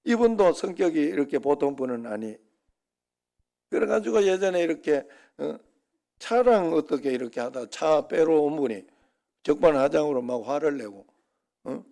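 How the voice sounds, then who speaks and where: A man's voice: a little high, animated, moderate pace, vocal fry, mellow. A middle-aged man preaching a Sunday sermon as pastor, conversational and full of rhetorical asides to the congregation.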